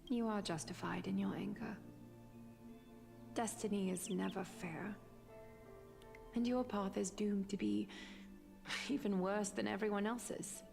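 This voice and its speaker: A woman's voice: medium pitch, fairly even intonation, measured pace, vocal fry, long pauses, a little mellow, big-room sound, soft background music. A woman playing a wise, composed, solemn seamstress mentor in a video game. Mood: solemn, reassuring. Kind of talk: dramatic video game voice acting.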